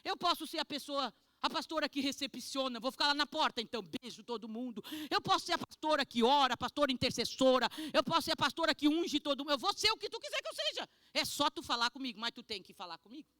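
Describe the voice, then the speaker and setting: A woman pastor from Brazil giving an animated, emotional testimony sermon. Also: high-pitched, fast, hardly any pauses, no room sound, studio quality.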